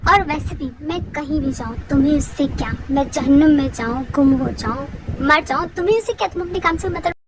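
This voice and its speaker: A woman's voice: high voice, a little fast, noisy background, natural voice. A woman voicing a stubborn, sulky young woman in a fan audio drama, defiant and pouting. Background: background music.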